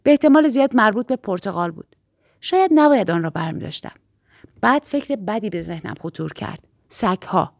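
A woman reading a first-person novel aloud as an audiobook narrator, in a measured, steady storytelling manner. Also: medium pitch, vocal fry, no echo, studio quality.

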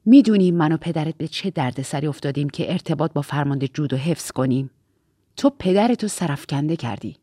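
A woman's voice: low-pitched, lively intonation, warm tone, husky, dry recording, clean studio sound, voice pushed down. A woman voicing an angry, domineering middle-aged stepmother who scolds coldly and gives orders. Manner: scolding, cold, commanding.

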